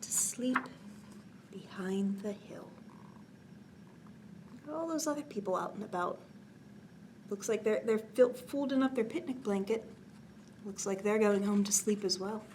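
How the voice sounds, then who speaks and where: A woman reads a picture book for a children's bedtime storytime in a medium-pitched voice, a little slow and with long pauses. She's gentle and expressive, adds casual asides, and often sinks to a near-whisper, with background noise present.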